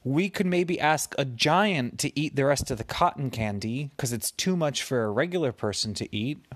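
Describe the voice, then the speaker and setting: A man voicing an eager little girl in a bedtime story, raising his voice brightly. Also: mid-range voice, expressive, moderate pace, no room sound, lightly acted.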